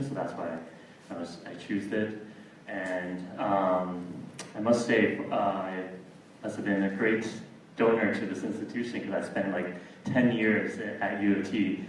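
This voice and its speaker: A man from Taiwan introducing himself on a seminar panel, halting with many fillers. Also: sits low. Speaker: panel speaker. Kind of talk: seminar talk. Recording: echoey room, far from mic, faint noise.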